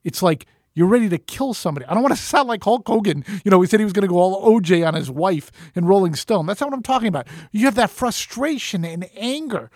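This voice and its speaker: A man hosting a podcast, telling a rambling, animated story, swearing freely and acting out his own thoughts along the way. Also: sits high, fast talker, hardly any pauses, no echo, studio quality. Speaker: podcast host. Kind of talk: casual storytelling monologue.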